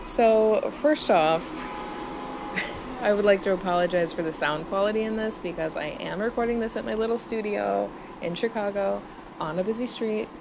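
A woman in her thirties hosting a casual solo podcast, chatty and giggling nervously, recorded in low-quality audio in a small studio on a busy street. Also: moderate pace, gravelly. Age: 30s. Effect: low-quality audio with street noise. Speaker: podcast host. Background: traffic and air-conditioner hum.

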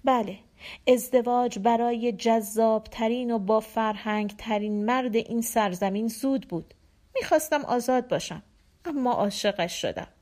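A woman's voice: on the high side, darkish tone, lightly acted. Woman voicing a brooding, proud man murmuring. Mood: regretful.

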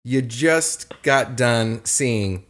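A young man co-hosting a casual chat, telling a story with lively acted-out quotes. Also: drawn-out words. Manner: animated storyteller, acts out quotes in a high voice. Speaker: podcast co-host.

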